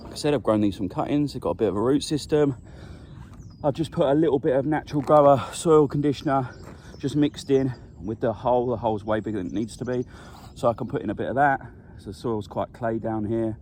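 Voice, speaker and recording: A man, a vegetable grower chatting casually through a farm vlog, relaxed and explaining things as he works outdoors. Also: mid-range voice, brisk, a little hiss or hum.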